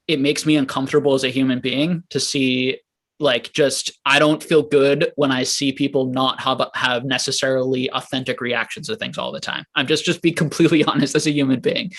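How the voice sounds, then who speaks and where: A man's voice: mid-range voice, a bit bright. Reflective, hesitant man. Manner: reflective, hesitant, searching for words. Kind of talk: casual live stream chat.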